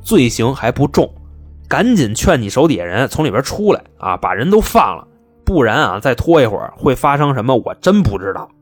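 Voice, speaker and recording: A smooth-talking police negotiator, as a male storyteller puts him on, soothing and wheedling. His husky voice moves lively over a wide range, with quiet music underneath. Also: medium pitch, fairly quick. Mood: placating.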